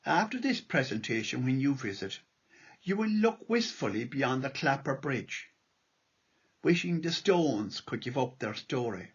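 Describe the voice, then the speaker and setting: A man's voice: medium pitch, very animated, measured pace, husky, highs cut off. An Irish man reading a prepared lecture aloud as a local history speaker.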